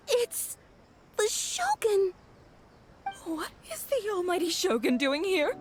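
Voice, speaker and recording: A woman's voice: very high voice, big pitch swings, takes it slowly, faint music behind, exaggerated voice. A woman voicing a startled, awestruck townsperson in a video game. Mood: shocked. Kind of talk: video game character acting.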